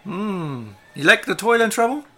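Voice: medium pitch, expressive, normal speed, a bit bright, pitched above the performer's own voice, close to an everyday voice. A game master voicing a friendly male goblin ride keeper who talks in odd rhyming slang. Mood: chirpy.

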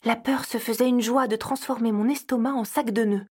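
A woman tells a children's audio story with expressive narration. Her voice sits a little high and has a breathy, airy quality. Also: brisk. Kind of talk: scripted narration.

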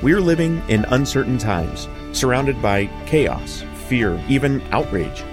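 A man hosting a podcast, reading a scripted introduction and asking his guest questions in a measured way. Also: mid-range voice, expressive, music in the background. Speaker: podcast host. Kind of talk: scripted podcast host narration.

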